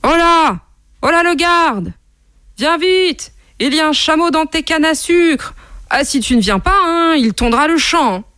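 A woman voicing a sly, chattering male monkey trickster in a storybook tale, high and wheedling. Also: expressive, normal speed, few pauses, a bit bright, no echo, clean studio sound. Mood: alarmed.

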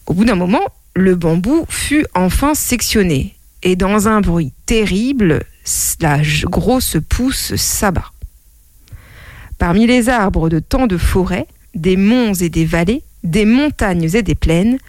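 A woman storyteller reads a children's tale aloud at an unhurried pace. Her pitch rises and falls expressively, drawing out key words. The recording is close and dry. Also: expressive, a little mellow, no echo.

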